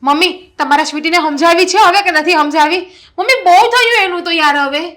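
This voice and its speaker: Woman acting as an indignant elder daughter-in-law, high bright voice, sarcastic, scolding, stage drama. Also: fairly quick. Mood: complaining. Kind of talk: Gujarati family stage drama.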